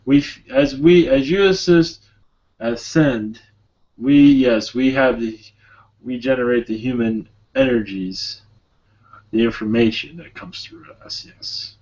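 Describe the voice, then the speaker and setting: A man channeling a benevolent otherworldly Sirian being, speaking in a solemn, halting, prophetic trance-like manner. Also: medium pitch, darkish tone, natural voice. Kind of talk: channeling session, answering questions. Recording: dull lo-fi audio.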